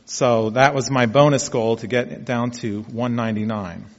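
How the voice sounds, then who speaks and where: In a dull, echoey room, a man in his fifties casually recounts taking up marathons, folksy and reflective in his personal vlog. He speaks mid-range with fairly even intonation at a moderate pace.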